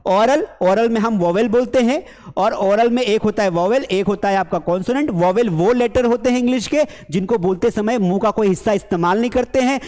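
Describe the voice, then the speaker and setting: A man's voice: high voice, a little fast, darkish tone, big-room sound. A man from India teaching a spoken English lesson, chatty, asking questions and answering them himself. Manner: chatty, asks and answers his own questions, mimics students.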